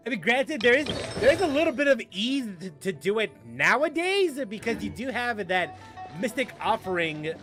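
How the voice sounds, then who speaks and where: A man streams a game and chats informally with viewers, rambling, laughing often and beginning sentences again. His pitch is extremely high and sing-song, delivered at a normal pace over music.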